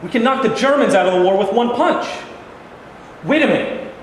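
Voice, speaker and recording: In a very reverberant hall, a man reads a blunt, exasperated president in a stage play. The voice is high and lively in pitch, with deliberate, emphatic phrasing over faint noise. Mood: weighing, concerned. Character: President Truman, blunt, exasperated newly informed American leader. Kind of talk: amateur staged reading of a play. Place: indoor hall, staged reading.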